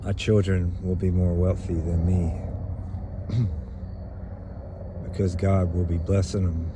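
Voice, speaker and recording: A man giving an earnest spiritual monologue to his followers, pausing often and clearing his throat between phrases. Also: low-pitched, level tone, noisy background. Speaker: spiritual channeler.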